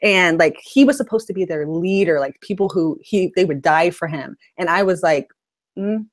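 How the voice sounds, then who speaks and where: A woman co-hosting a casual fan discussion, animated and incredulous, talking in quick bursts. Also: fairly low pitch. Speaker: co-host.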